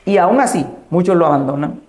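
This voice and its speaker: A woman pastor, giving an emotional personal testimony and softly acting out the dialogue she recounts. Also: fairly low pitch, animated, a little fast. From Dominican Republic. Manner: storytelling, acting out quoted dialogue in a hushed voice.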